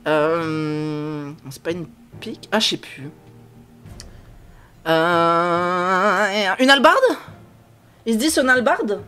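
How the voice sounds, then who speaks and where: A man's voice: high voice, slow pace, long pauses, pushed and bright, clear, resonant tone, faint music behind. A man streaming a mystery game from his computer, thinking aloud in a rambling, hesitant way with many fillers and restarts, joking and getting sidetracked. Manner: jokey, self-talking, easily sidetracked. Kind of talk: live-stream gameplay commentary.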